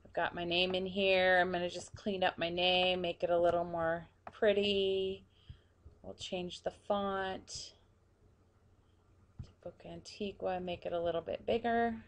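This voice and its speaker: Soft-spoken woman narrating a software tutorial. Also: fairly low pitch, little pitch movement, unhurried. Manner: narrates each step as she clicks, quietly, sometimes near a whisper. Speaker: tutorial presenter. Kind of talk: screen-recorded software tutorial.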